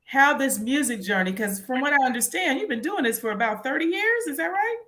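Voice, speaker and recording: Bright, high-voiced woman hosting. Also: expressive, brisk. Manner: effusive, encouraging. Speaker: interview host. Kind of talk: casual chat interview.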